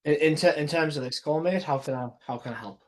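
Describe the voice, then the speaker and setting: Fairly high-pitched and quick, a British sales closer picks apart his old call, keeping it informal and slangy with plenty of "like" and "mate" as he discusses technique.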